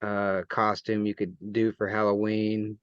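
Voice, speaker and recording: Man, low flat smooth voice, slightly muffled dry recording, measured podcast talk. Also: no echo. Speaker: podcast panelist. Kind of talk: casual book discussion.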